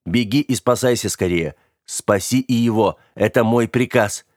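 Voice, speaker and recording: A man's voice: on the low side, normal speed, dry recording, studio quality, close to an everyday voice. A man voicing a young man who urgently orders his friend to flee, commanding and pushing. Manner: urgent, commanding, forced cheer.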